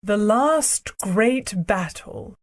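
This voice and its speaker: A woman voicing a proud, cruel ancient queen and sorceress in an audiobook, speaking in a slow, imperious, theatrical way. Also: medium pitch, expressive, heavily acted. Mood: haughty. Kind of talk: audiobook character reading.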